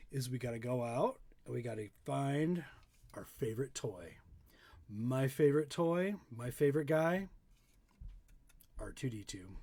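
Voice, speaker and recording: A local dad hosts a casual online storytime for kids, his voice a little high with a darkish tone. He chats in a rambling, folksy, playful manner.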